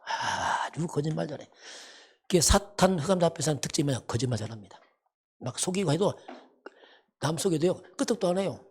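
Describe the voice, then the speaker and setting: A man's voice: a little high, lively intonation, a little fast, long pauses, a little hiss or hum. A man preaching a sermon as pastor, emphatic and repetitive, often asking rhetorical questions. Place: church sanctuary.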